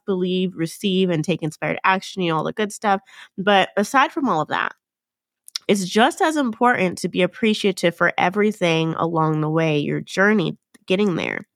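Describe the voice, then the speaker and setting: Talking casually to her listeners, this podcast host has a fairly low voice that's nasal from a cold. She's chatty and cheerful, full of fillers and frequent self-corrections, recorded cleanly in a studio with no room sound.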